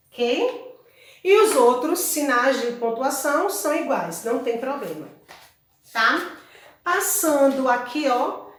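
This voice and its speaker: Woman, teacher explaining a lesson, fairly high voice, very echoey room. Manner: explanatory, checks in with tags like "ok?" and "tá?". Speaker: Spanish teacher. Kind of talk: online class lecture. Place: room at home.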